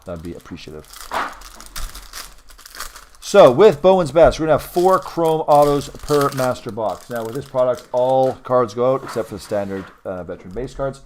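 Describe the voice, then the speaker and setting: A man hosts a live card-breaking stream at an ordinary pitch and talks casually. He rambles and corrects himself as he goes, with a faint hiss behind him. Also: lively intonation, moderate pace, darkish tone. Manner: chatty, rambling, with frequent ums and self-corrections.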